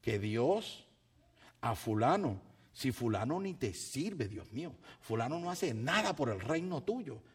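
A man preaching a sermon as a pastor, acting out his church members in quick asides and rising to shouted peaks before dropping to quiet, low remarks. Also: very animated, husky. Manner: acts out quoted church members in conversational asides.

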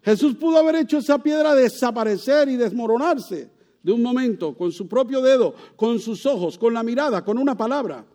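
A man giving a sermon as pastor, asking rhetorical questions and swinging from loud, high passages to soft, low ones. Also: lively intonation, a little fast.

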